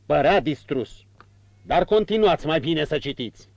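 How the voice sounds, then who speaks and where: A man voicing a loyal older male English gentleman adviser in an audiobook, telling his story in a hurried, excited way. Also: on the high side, gravelly, dry recording, lo-fi sound, pitched above the performer's own voice.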